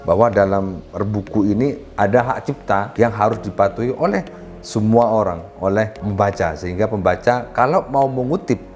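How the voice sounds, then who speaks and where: A man with a lowish voice teaches in a measured, orderly way, counting off points in turn. He speaks politely to his audience as ladies and gentlemen. Soft music plays faintly behind him. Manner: addresses listeners as "Bapak Ibu", lists points step by step. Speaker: writing instructor. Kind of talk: explanatory lesson.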